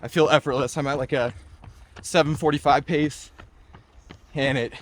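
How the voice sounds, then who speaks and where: A man's voice: a little high, steady tone, moderate pace, a little hiss or hum. A young man in his twenties, chatting casually and upbeat while running outdoors and sometimes getting out of breath. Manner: upbeat, chatty, lots of "like" and "just". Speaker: running vlogger. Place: outdoors on a trail.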